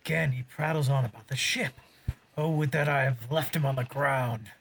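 An actor playing a cocky, roguish young smuggler captain, delivering boastful Shakespearean verse. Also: male voice, mid-range voice, steady tone, normal speed, a bit bright. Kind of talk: audio drama acting in verse.

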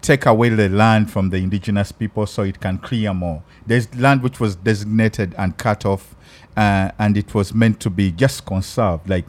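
Ugandan male podcast host, low-pitched, conversational, searches for words. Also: steady tone. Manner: thoughtful, halting with many restarts. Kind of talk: casual chat.

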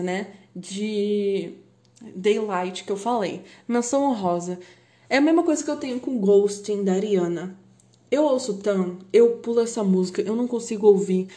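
A young woman with a Brazilian accent, chatting excitedly about music on her podcast, swearing and laughing often. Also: fairly high pitch. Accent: Brazilian Portuguese. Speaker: podcast host. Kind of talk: casual chat about music.

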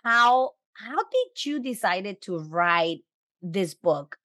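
A woman's voice: mid-range voice, sing-song, slow, a bit bright, dry recording, clean studio sound. A woman podcast host, reading a scripted intro and then interviewing in an enthusiastic, effusive way.

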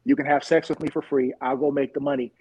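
A man's voice: medium pitch, flat delivery, fast, warm tone, husky, no echo, close to an everyday voice, low-quality recording. A man voicing a weathered young woman on the street who pleads for protection. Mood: pleading.

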